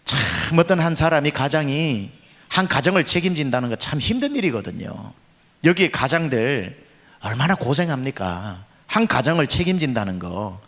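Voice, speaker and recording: A man's voice: mid-range voice, very animated, moderate pace, a bit bright, in a large hall. A male senior pastor delivering a revival sermon, telling a story dramatically and acting out the voices he quotes. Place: church revival meeting.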